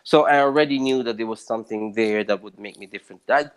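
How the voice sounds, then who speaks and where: A man's voice: quick pace, smooth. Emphatic man. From Southern Italy. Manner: emphatic, swings in pitch and loudness. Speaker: interview guest. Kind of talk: casual conversational interview.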